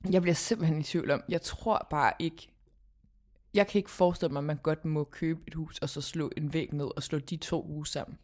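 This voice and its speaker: A woman's voice: sits low, fairly even intonation, a little mellow. A woman chatting casually and emphatically as a podcast host. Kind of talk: casual gossip chat.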